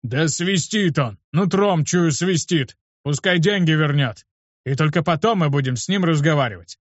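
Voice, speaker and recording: A man's voice: fairly high pitch, lively intonation, normal speed, dry recording, highs cut off, pitched above the performer's own voice. A man voicing an angry young male street thug who talks rudely and hotly, in an audiobook reading. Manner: shouting angrily, rude.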